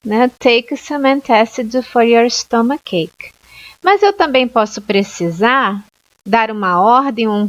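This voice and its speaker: A Brazilian woman teaching an English lesson, explaining grammar slowly and clearly and often checking with "ok?". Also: a little high. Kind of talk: online language lesson. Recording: dull lo-fi sound.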